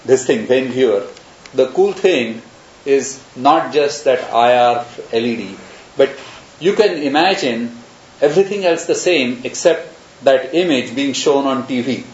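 A man's voice: medium pitch, animated, unhurried. A man lecturing to a class, thinking aloud as he moves from one example to the next. The recording is roomy and echoey, a little muffled, with a faint hiss underneath. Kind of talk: university lecture. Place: lecture room.

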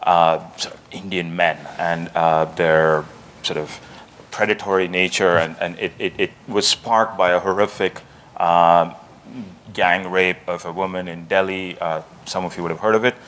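A man with a very deep voice leads a conversational interview. He speaks haltingly and carefully, assembling long questions, with some background noise behind him. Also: steady tone, a bit bright. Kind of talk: conversational discussion before an audience.

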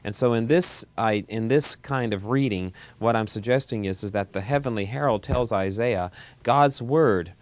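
A man giving a measured, explanatory Bible lecture, reading verses aloud and unpacking them. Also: on the low side, no room sound.

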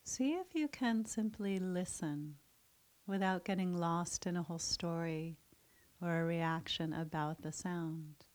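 This is a mindfulness meditation led by a woman whose voice is soft and soothing and a bit on the low side. Her delivery is very slow, with lengthy pauses separating each phrase.

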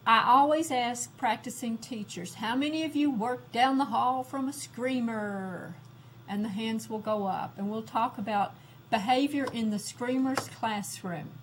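A woman giving a lecture on classroom discipline, slow and deliberate, repeating her key points. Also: medium pitch, a little hiss or hum, low-quality recording.

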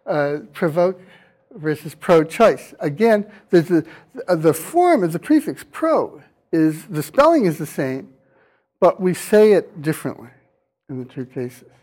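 A man's voice: fairly high pitch, very animated, measured pace, a little mellow. A man giving a university lecture, questioning his students and dropping dry wordplay jokes. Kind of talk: classroom lecture.

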